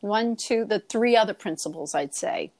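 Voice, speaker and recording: A Boston-accented woman co-hosts a podcast built around reflective spiritual discussion, speaking in a coaching manner, asking rhetorical questions, and repeating herself. Her medium-pitched, darkish voice moves at a moderate pace, captured with a dry, close sound and no echo.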